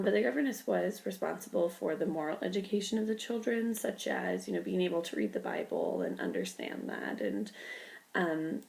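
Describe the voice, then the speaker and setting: Congested from a cold, a student presenter speaks in a mid-range, slightly mellow voice with a gravelly creak. She's a young woman giving a casual class talk, peppered with ums and likes.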